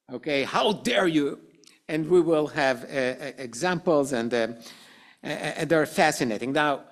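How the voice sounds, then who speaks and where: Slow, questioning man teaching a class. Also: on the high side. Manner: frequent "okay?" and "right?" checks, many "uh" fillers. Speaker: adult education teacher. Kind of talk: slow, conversational text study class. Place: synagogue classroom.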